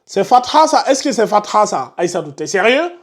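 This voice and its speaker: A man teaches a recitation class in a high voice for a man. He keeps pressing his point and goes over each step again and again. He scolds the students who lose track. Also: big pitch swings, moderate pace. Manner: insistent, repeats explanations step by step, scolds students. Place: classroom with a board.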